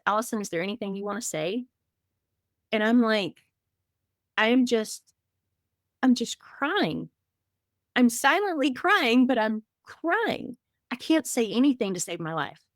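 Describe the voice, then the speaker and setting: Middle-aged woman, candid and emotional, mid-pitched voice, dry close recording; talks in a loose, conversational way. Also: no room sound. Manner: candid, emotional, many restarts and fillers. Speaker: podcast guest sharing her grief story. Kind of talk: casual conversational storytelling.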